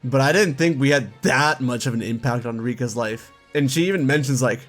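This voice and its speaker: Chatty man commentating over soft music. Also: mid-range voice. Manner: chatty, laughs at his own jokes, quick asides. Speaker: YouTube gaming commentator. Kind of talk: casual video commentary.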